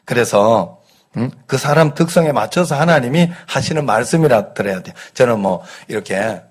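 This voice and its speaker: A middle-aged pastor with a light Gyeongsang accent, preaching a conversational Sunday sermon, telling folksy stories and asking the congregation rhetorical questions. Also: male voice, medium pitch, lively intonation, moderate pace, breathy edge. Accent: light Gyeongsang dialect. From Gyeongsang region, South Korea.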